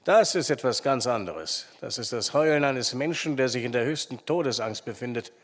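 A man voicing a calm, decisive male investigator who explains firmly, in reverberant sound. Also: mid-range voice, normal speed, voice pushed down, lightly acted.

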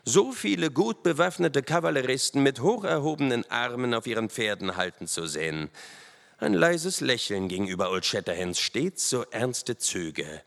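A man reading an adventure story aloud as the narrator, expressive and storytelling. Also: mid-range voice, normal speed, gravelly. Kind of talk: audiobook narration. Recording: long hall reverb.

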